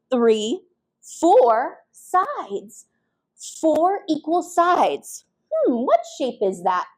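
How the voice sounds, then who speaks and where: Young woman, children's librarian at storytime; high, bouncy sing-song delivery. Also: rough recording. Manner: sing-song, exaggerated and encouraging toward small children.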